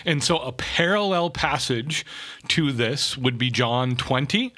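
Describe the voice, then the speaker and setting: A man's voice: mid-range voice, expressive, measured pace, pushed and bright. A man co-hosting a casual podcast, explaining scripture with quoted verses and self-mocking humor. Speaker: podcast co-host. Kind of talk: casual theological discussion.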